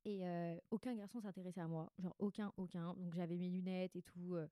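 A woman's voice: fairly low pitch, level tone, fairly quick, warm tone, clean tone, no echo, clean studio sound. Young woman with a stuffy nose. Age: 20s. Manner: candid, rambling, self-interrupting. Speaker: podcast host. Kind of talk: casual confessional monologue, chatty and slangy.

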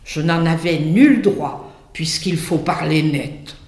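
A simple, humble donkey confesses with halting earnestness, its voice high and pitched up, as a man reads its lines aloud. The slow delivery echoes around a reverberant room. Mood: sheepish.

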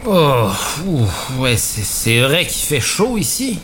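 A man voicing an excitable, gluttonous, scheming delivery courier in an animated comedy, with a hesitant, melodramatic way of talking. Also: medium pitch, takes it slowly. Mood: chatty, bemused. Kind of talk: scripted animated comedy, narration and dialogue.

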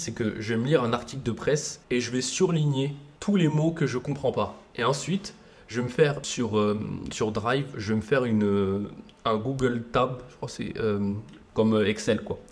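A young man in his twenties, a guest in an interview, talking casually and hesitantly with many pauses and restarts. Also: medium pitch.

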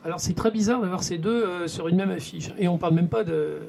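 A man's voice: high voice, brisk, vocal fry, darkish tone, slight background noise. A man co-hosting a radio show, explaining film craft with assurance and enthusiasm. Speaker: radio co-host, film commentator. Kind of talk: casual film discussion.

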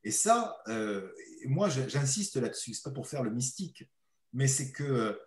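A man's voice: medium pitch, a little slow. Southern french guy joking around about his buddy at a book talk, echoey room. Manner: teasing, animated storyteller. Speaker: co-author presenting a book. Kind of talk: playful talk at a book event. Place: talk venue with audience. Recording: roomy echo.

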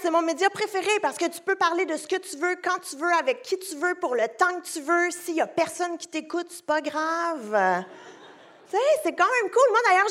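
A woman's voice: very high-pitched, fairly bright tone. A woman with a Québécois French accent hosting a festival ceremony on a live stage, bantering and teasing the audience in a stand-up style. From Quebec.

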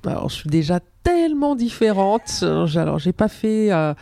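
A woman's voice: medium pitch, sing-song, moderate pace, creaky, dark tone. A woman speaking as a podcast guest, thoughtful and hesitant, often restarting her sentences. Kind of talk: podcast interview.

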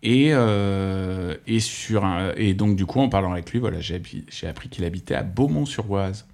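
Homme à la voix grave et éraillée. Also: male voice, low-pitched, moderate pace, gravelly, a little mellow. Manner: rambling, self-correcting, laughs often. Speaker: podcast co-host, bassist. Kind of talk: casual chat.

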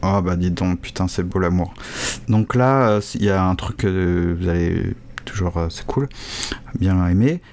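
A man giving a casual language lesson, talking in a halting way with many restarts and bits of slang. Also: deep voice, a little mellow. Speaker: Chinese language teacher.

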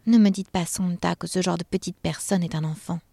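A woman's voice: on the low side, steady tone, fairly quick, gravelly, mellow, no room sound. A woman voicing a prim, disapproving female elf in a storybook tale. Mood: scandalized. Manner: prim, scandalized.

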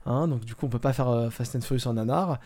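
A man hosting a casual film podcast, relaxed and leading the wrap-up. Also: medium pitch, fast talker. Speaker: podcast host.

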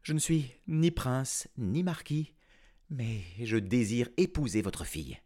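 A man's voice: medium pitch, lively intonation, slow, mellow, voice pushed up. A man voicing a bold young window-washer in a children's storybook, speaking earnestly. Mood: resolute.

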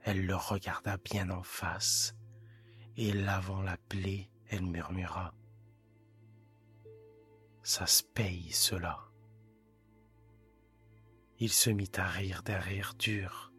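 A man reading a classic short story aloud as a calm, hushed bedtime narration. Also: sits low, breathy edge, soft background music. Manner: calm, hushed, measured delivery. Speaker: audiobook narrator.

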